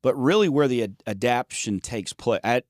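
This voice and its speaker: A man's voice: mid-range voice, lively intonation, moderate pace, darkish tone, dry recording, studio quality. A man co-hosting a podcast about sales, talking in a folksy, joking way that often trails off and restarts words. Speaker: podcast co-host and sales trainer. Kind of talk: casual conversational chat.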